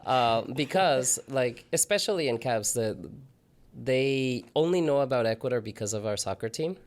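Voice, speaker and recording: A laid-back man on a podcast, mid-pitched, relaying stories in a loose, conversational way. He swears casually and keeps things light, in plain everyday chat. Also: expressive, moderate pace. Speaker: podcast co-host.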